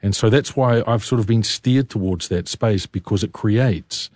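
Brief: male composer, very low voice, eager and articulate, dry studio sound. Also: moderate pace, a little mellow, no room sound. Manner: enthusiastic, articulate explainer. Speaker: composer and interview guest. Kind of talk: interview answers.

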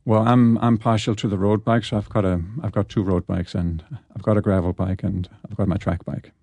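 A man, a guest chatting in a relaxed way in an interview. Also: on the low side, a little fast, no echo. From Denmark. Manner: relaxed, chatty, repeats words as he goes. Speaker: guest, orchestral percussionist. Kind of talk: casual radio interview chat.

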